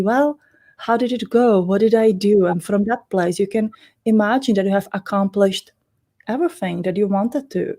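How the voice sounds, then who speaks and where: A warm-toned, medium-pitched voice belongs to a middle-aged woman from the Czech Republic who speaks with a Czech accent as a native Czech speaker. As an interview guest and energy healer, she explains things casually and tends to ramble.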